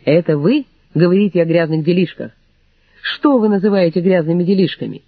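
A man voicing a sharp mocking young woman. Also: high-pitched, brisk, no room sound, phone-quality sound, voice pushed up. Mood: angry. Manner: sarcastic, combative.

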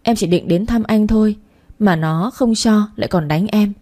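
A woman's voice: medium pitch, normal speed, dark tone, natural voice. A woman voicing a spiteful, scheming young woman who curses and whines. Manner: abusive, whining.

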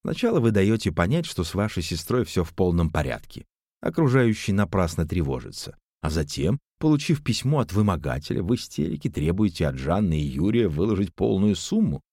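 A man voicing a calm young male detective who speaks with polite, dry irony. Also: sits low, fairly quick, dry recording, full character voice. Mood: ironic.

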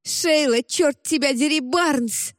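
A woman's voice: high voice, takes it slowly, no room sound, studio quality, pitched above the performer's own voice. A woman voicing a desperate teenage girl. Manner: pleading and shouting.

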